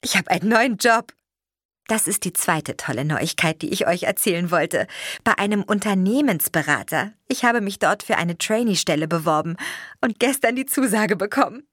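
A woman's voice: mid-range voice, animated, normal speed, slightly rough, dry recording. A young adult woman narrating an audiobook expressively, acting out the dialogue, recorded close to the microphone.

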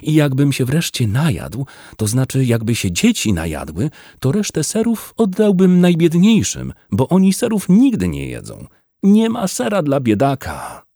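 A man voicing a poor, timid village man who pleads and cries in a high whine. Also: huge pitch swings, unhurried, warm tone, dry recording, studio quality, heavily acted. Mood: pleading. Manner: high whining voice, pleading and sobbing.

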